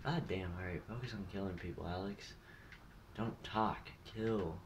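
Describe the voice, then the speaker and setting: A man's voice: deep voice, normal speed, heavy background noise. A young man giving loose, profane, rambling commentary over his own gameplay as a gaming YouTuber, recorded at home.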